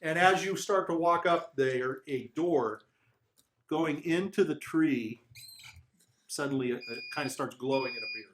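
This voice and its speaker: A man's voice: a little high, unhurried, a bit bright, a little hiss or hum. A man narrating a tabletop game as the game master. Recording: echoey room.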